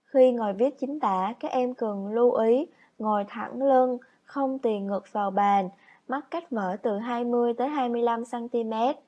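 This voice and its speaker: Higher-pitched woman teacher, dictating slowly. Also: highs cut off. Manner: instructive, dictating example sentences slowly word by word. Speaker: primary school teacher. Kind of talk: scripted lesson narration for children, with passages read out slowly as dictation. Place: voice-over on lesson slides.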